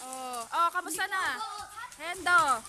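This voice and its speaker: Vlogger woman, very high voice, chatty and mixing languages, noisy outdoor camera audio. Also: takes it slowly. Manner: chatty, mixes languages, calls out to kids. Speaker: vlogger filming family. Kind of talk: casual family vlog.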